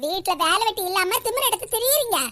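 A woman with a Kanyakumari Tamil accent voicing a scolding, indignant character in an animated comedy. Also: extremely high pitch, fast talker, dry recording.

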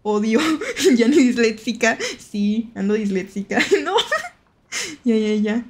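A woman's voice: on the high side, takes it slowly, a little mellow. A young Mexican woman with a Mexican accent, a VTuber chatting playfully with her viewers while playing a horror game. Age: young adult. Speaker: VTuber streamer. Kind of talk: live horror game stream with chat.

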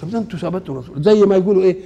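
An older man with an Egyptian Arabic accent, explaining scripture while seated, asking questions and answering them himself in a lively colloquial way. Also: high-pitched, racing, gravelly, highs cut off. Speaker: Islamic scholar. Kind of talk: Quran exegesis lesson. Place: seated indoors.

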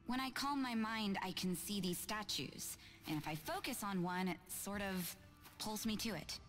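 A woman voicing a sharp-tongued sarcastic young woman. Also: mid-range voice, expressive, moderate pace, lightly acted. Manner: sarcastic, cutting. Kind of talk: video game voice acting. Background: game music.

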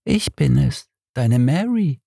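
A man's voice: medium pitch, big pitch swings, slow pace, vocal fry, warm tone, husky, no echo, studio quality, voice pushed up, heavily acted. A man voicing the ghost of a dead wife who coaxes and pleads seductively.

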